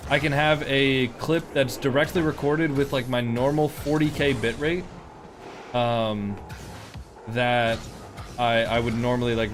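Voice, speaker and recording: A young man streaming a game, chatting casually in a rambling way full of fillers and restarts. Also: medium pitch. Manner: rambling, filler-heavy, indignant. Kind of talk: casual live-stream chat.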